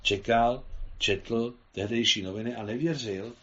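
Low-voiced man reading a novel. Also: expressive, highs cut off. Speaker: translator reading his translation.

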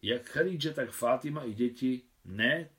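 A man's voice: mid-range voice, a bit bright, lightly acted. A man reading aloud, voicing an agitated older master of the house who pleads insistently. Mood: pleading.

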